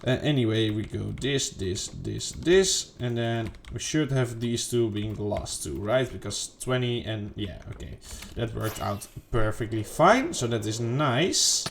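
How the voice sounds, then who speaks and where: A man's voice: lively intonation, measured pace, creaky, few pauses, slight background noise. Man rambling over his gameplay. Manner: rambling, self-questioning, lots of fillers and "boom". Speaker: gaming video creator. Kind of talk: casual unedited gameplay commentary.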